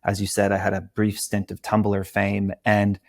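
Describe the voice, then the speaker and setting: A man's voice: fairly low pitch, moderate pace, gravelly, no room sound, clean studio sound. A man from Georgia, a company founder talking as a podcast guest, telling stories animatedly and acting out quotes. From Georgia, USA. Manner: animated storyteller who acts out quotes. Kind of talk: casual interview talk.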